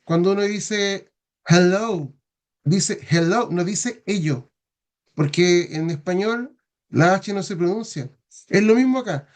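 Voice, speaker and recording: A man, a student on a video call, talks things through earnestly and at length. His voice is quite high for a man. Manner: earnest, explanatory.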